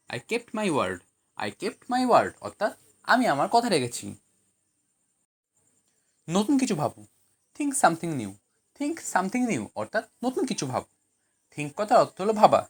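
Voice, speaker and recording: Woman teaching translation with lively pitch. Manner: reads each sentence in Bengali, then English, then explains. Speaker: language teacher. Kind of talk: scripted translation lesson.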